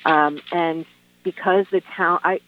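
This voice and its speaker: A woman speaking over the phone as a guest on a call-in radio show, earnest and halting, with lots of "um" and "you know". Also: on the low side, steady tone, a little hiss or hum. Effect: heard over the phone. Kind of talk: casual radio phone interview. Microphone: telephone. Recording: tinny, dry phone line.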